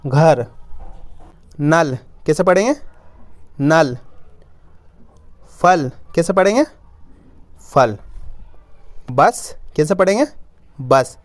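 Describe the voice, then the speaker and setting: A man's voice: fairly high pitch, animated, drawn-out words, pauses often, dry recording. A man teaching children to read, patiently sounding out each word and answering his own questions. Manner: says "apan" for "we", informal spoken Hindi. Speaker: Hindi reading teacher. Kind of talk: step-by-step reading lesson.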